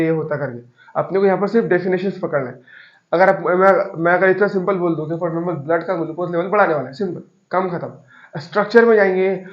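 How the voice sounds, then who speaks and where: Man, teacher, classroom lecture, repeats terms, high voice, dull lo-fi sound. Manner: explains slowly with homely examples, repeats key terms. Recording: echoey, dull classroom recording.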